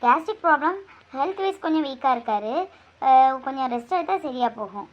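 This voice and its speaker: A woman voicing a brisk hospital nurse in a homemade family skit, calmly giving instructions about tests, rest and medicine. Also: high voice, pitched below the performer's own voice. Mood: instructing. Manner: matter-of-fact, giving instructions. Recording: dull lo-fi recording.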